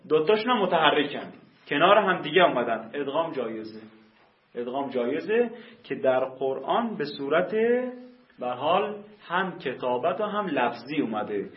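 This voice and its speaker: A man teaching a grammar class, explaining rules slowly and repeating key terms for emphasis. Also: fairly high pitch. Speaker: teacher of Quranic Arabic grammar. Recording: echoey room, dull lo-fi sound.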